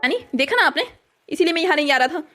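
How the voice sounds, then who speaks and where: A woman's voice: high-pitched, lively intonation, fast, sharp tone, faint music behind. A woman voicing an upset teenage son in a cartoon story, urgent and pleading.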